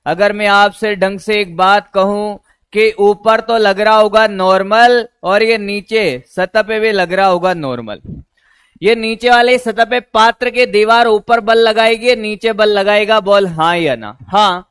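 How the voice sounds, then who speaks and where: A man's voice: high voice, unhurried, fairly bright tone, smooth, no echo. A male physics teacher lecturing a class, repeating questions to his students and calling them "beta".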